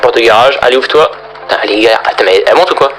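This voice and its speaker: Fast-talking young man narrating gameplay. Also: mid-range voice, a bit bright, soft background music, low-quality recording. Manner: rambling, chatty, talks to viewers as guys. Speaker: gaming video host. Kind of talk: casual gameplay commentary.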